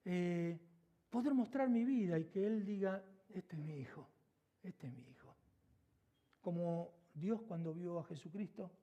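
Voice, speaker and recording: A man with an Argentine accent preaching a sermon as pastor, moving between emphatic declarations and hushed, intimate asides. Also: sits high. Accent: Argentine Spanish. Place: church sanctuary.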